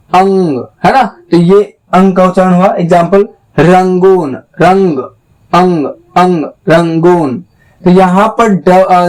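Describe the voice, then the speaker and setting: A young man leads a lesson on how letters sound. His voice sits high, and he talks slowly, spelling each word out letter by letter and stopping often to check that his students follow. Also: a little mellow, poor audio. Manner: slow, spells words out letter by letter and keeps asking "clear?". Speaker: English teacher.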